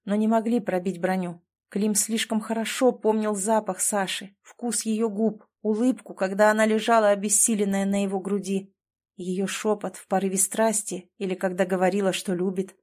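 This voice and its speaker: A woman narrating a story in an even, measured reading. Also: mid-range voice. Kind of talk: scripted narration.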